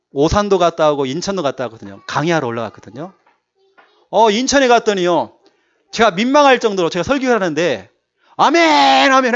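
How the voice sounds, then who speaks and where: A male pastor preaching a sermon, emphatic and repeating his key words to urge the congregation on. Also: high voice. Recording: dull lo-fi church recording.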